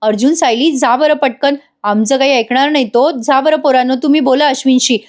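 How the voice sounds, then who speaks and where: A woman's voice: high-pitched, fairly even intonation, a little fast, darkish tone, lightly acted. A woman voicing an older patriarch who gives urgent orders. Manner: commanding, urgent.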